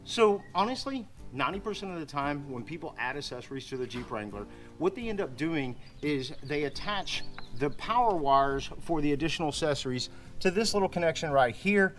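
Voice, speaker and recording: A man's voice: fairly high pitch, expressive, brisk, fairly bright tone, soft background music. A man in his forties hosting a car repair vlog from his open garage, chatting casually and repeating "honestly" and "guys" often. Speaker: car repair channel host. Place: open home garage, outdoors by driveway.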